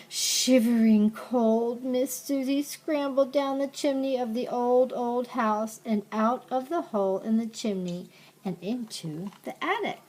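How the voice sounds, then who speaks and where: An older woman reads a storybook aloud in a grandmotherly way, slipping in gentle, simple asides for a young listener. Her voice sits a little high, and the audio quality is poor.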